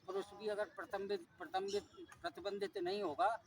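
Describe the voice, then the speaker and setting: A man talking casually about scripture in a devotional discussion, animated and repeating words as he searches for them. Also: very high voice, brisk, vocal fry, recorded from a distance, slight background noise. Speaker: satsang discussion participant.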